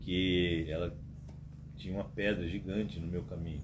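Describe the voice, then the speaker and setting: A man's voice: low-pitched, level tone, normal speed. A man hosting a live stream, telling rambling anecdotes and acting out the dialogue, with frequent tag questions. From Brazil. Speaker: host. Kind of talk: casual live-stream storytelling. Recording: muffled live-stream audio with background noise.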